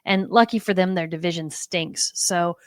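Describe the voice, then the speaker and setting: A woman co-hosting a sports podcast, talking casually, agreeing readily and thinking out loud. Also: on the low side, moderate pace, dry recording, clean studio sound. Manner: conversational, agreeable, thinks aloud. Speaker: podcast co-host.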